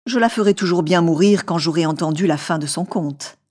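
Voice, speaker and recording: A woman voicing a male sultan musing calmly to himself in a storybook reading. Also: fairly low pitch, brisk, lightly acted.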